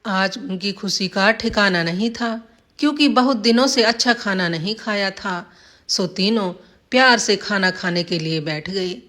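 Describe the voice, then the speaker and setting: A woman's voice: mid-range voice, measured pace, fairly bright tone. A woman narrating a village folk tale in a plain storybook reading, lightly voicing the villagers' lines.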